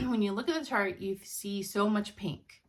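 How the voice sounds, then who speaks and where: A woman's voice: mid-range voice, a little slow. A young woman in casual, rambling chat as a cross-stitch vlogger at home, sounding sleepy and laughing often.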